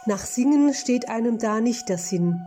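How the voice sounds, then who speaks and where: Slow, mellow-voiced woman preaching. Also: on the high side, lively intonation, faint music behind. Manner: slow, measured, contemplative delivery. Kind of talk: scripted sermon.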